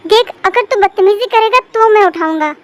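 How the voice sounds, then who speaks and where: A defensive young husband speaks firmly and warns his friend, as a woman acts him out. The voice is very high and the sound dry and close. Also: normal speed, dry recording. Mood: warning. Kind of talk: fan audio story voice acting.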